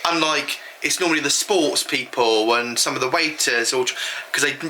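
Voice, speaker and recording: A man's voice: medium pitch, moderate pace, pushed and bright, a little hiss or hum, low-quality recording. A British man co-hosting a vlog, chatting casually with frequent ums. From United Kingdom. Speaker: vlog co-host. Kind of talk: casual chat.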